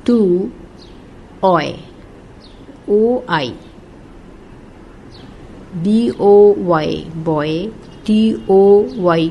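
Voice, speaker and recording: A woman's voice: lowish voice, a little mellow, slight background noise, low-quality recording. A woman reading an English textbook aloud, spelling each word letter by letter, then saying it and giving its meaning. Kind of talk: slow spelling and pronunciation drill.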